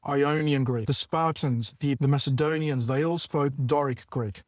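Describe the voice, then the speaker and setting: A man's voice: a little high, moderate pace, dry recording, studio quality. A man speaking as a history expert in a podcast discussion, emphatic and didactic in manner.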